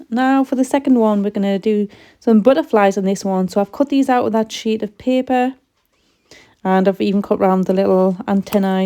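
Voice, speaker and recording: Middle-aged woman, casual craft vlogger, soft mellow voice slightly going, chatty and meandering. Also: medium pitch. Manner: chatty, rambling, frequent ums. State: losing her voice a little. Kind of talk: casual craft tutorial voice-over.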